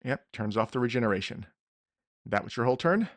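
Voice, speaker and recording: A man running a tabletop game as game master, making deliberate rulings and correcting himself as he goes. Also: medium pitch, animated, no room sound.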